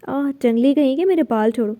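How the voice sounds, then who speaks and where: A woman's voice: high-pitched, dark tone, natural voice. A woman voicing a stubborn young wife who talks back defiantly, in a storybook reading.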